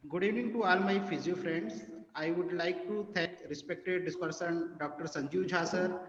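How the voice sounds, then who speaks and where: A man with an Indian English accent reads a formal vote of thanks over a video call. The sound is roomy with a long echo and faint ambience, and dull and lo-fi. His voice sits a bit high. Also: normal speed, slight background noise. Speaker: guest giving vote of thanks.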